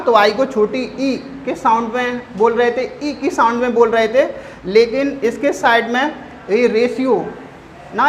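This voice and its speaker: Slow, drilling male teacher. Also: very high-pitched, a little hiss or hum, poor audio. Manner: drills by asking a question and answering it himself; addresses listeners as friends. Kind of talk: phonetics lesson for exam students.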